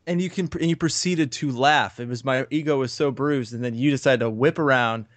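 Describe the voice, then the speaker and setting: A man's voice: mid-range voice, fairly quick, no echo. A man in his thirties co-hosting a casual podcast, wry and laughing as he tells stories. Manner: wry, laughing, animated storyteller. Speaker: podcast co-host. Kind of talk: casual chat.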